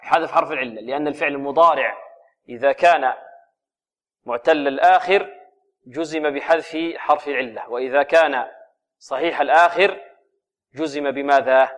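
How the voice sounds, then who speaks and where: A man teaching Quran recitation, chanting verses slowly, then explaining the rules and quizzing his class with rhetorical questions. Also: medium pitch. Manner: drills students with rhetorical questions. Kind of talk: chanted recitation and grammar lesson.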